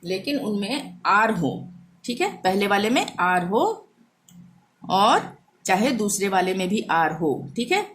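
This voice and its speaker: A woman teaching a language lesson, explaining pronunciation rules patiently and repeating each example slowly. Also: medium pitch, animated, a bit bright.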